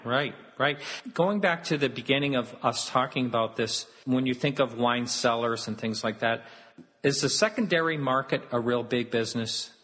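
A man's voice: medium pitch, normal speed, a bit bright. Male interview host, curious, asks follow-ups, long reverb tail around the voice. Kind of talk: interview questions. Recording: long reverb in a roomy space.

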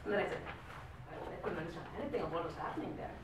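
A man's voice: on the high side, creaky. Theatrical Indian-accented man telling a tall tale, echoey. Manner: theatrical storytelling with acted-out dialogue and dramatic pauses. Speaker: speech contest speaker. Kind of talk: tall tale told as a live contest speech. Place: small meeting room with a whiteboard. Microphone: distant camera microphone. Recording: echoey room, distant mic, faint noise.

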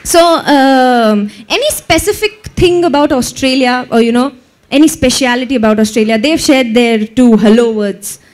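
A woman's voice: high-pitched, moderate pace. A woman hosting a live cultural show, bantering and teasing the audience. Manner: lively, teasing crowd banter. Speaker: event emcee. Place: event venue with live audience.

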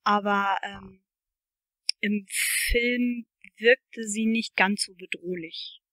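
A woman's voice: mid-range voice, steady tone, very slow, bright, forceful tone, dry recording. A woman reading a novel aloud for her channel, with casual, chatty commentary and fillers.

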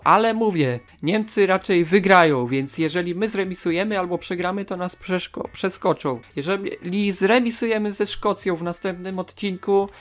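High-voiced excitable young man gaming. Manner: excitable, swears and shouts at near misses. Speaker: gaming channel host. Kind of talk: casual gameplay commentary.

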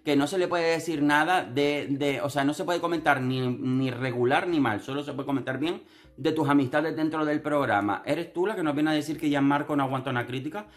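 A man's voice: on the high side, brisk. Sarcastic Canarian man dishing gossip. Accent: Canarian Spanish. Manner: sarcastic, theatrical, mocking. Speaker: TV commentary vlogger. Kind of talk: casual reality-show gossip commentary.

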